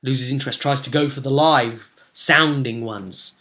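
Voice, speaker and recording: This young adult game master, indoors in a small home room, rambles through an animated, casual recap of a tabletop session for the camera, leaning on dramatic emphasis. His average-pitched voice is pushed and bright, and his pace stays measured.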